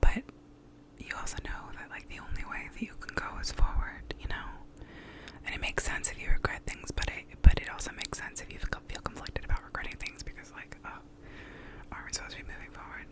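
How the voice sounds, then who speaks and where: A woman's voice: fairly quick, rough recording. A woman gives a whispered ASMR pep talk up close to the mic, reassuring and validating in informal, sometimes sweary wording. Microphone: close to the mouth.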